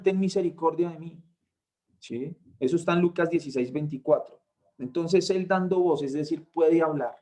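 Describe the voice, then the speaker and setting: Male Bible tutor, slightly high voice, explains slowly and checks in with listeners. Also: warm tone. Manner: explains slowly, asks "¿cierto?" after points. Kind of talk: Bible class lesson.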